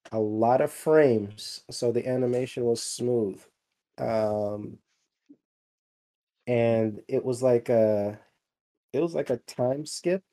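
A man talking casually on a podcast with a warm, mellow tone. He rambles, restarts sentences and fills gaps with ums and likes. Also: mid-range voice. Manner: rambling, many fillers and restarts. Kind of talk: casual chat.

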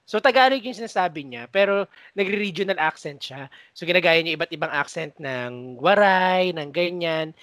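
A woman's voice: fairly low pitch, animated, normal speed, fairly bright tone, no echo. A Filipino woman co-hosting a podcast, recalling old work stories in casual chat, laughing often and mimicking coworkers. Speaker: podcast co-host.

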